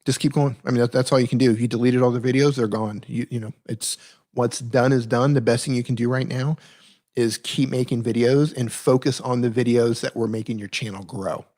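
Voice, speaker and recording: In a casual live-stream chat, a man with a medium-pitched, darkish voice speaks briskly with fairly even intonation. He reads out viewers' questions and answers each in a conversational, no-nonsense way, regularly correcting himself mid-sentence.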